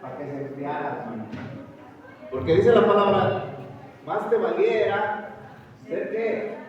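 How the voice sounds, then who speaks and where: Man, higher voice, emphatic preacher, distant muffled mic, noisy reverberant hall. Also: sing-song, unhurried. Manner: emphatic, asks the congregation questions, repeats "hermano". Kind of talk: sermon.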